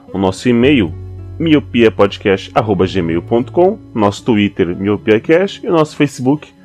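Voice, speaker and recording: A man's voice: fairly low pitch, darkish tone. A man with a Brazilian Portuguese accent hosting a podcast, speaking playfully and directly to the listener. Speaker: podcast host. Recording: music behind the voice.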